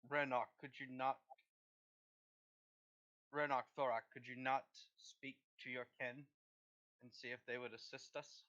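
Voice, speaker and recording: Sharp-voiced sarcastic man, lo-fi mic. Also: mid-range voice, level tone, measured pace, pauses often. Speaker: player. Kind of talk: casual tabletop game chat.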